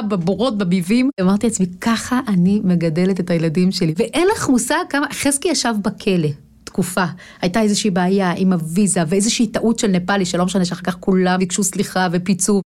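A woman's voice: mid-range voice, a little mellow. Woman telling a dramatic personal story. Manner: vivid, dramatic retelling with acted cries. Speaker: guest, Chabad emissary.

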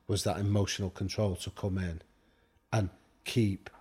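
With a low, warm, slightly rough voice and little pitch movement, a British man talks at normal speed. He's a guest expert on high performance, casually telling stories and acting out the dialogue within them.

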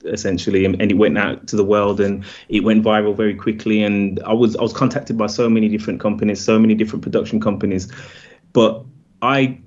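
A man's voice: fairly low pitch, fairly even intonation, quick pace, a little mellow, lo-fi sound. A man, a film director, answering interview questions hesitantly with many fillers.

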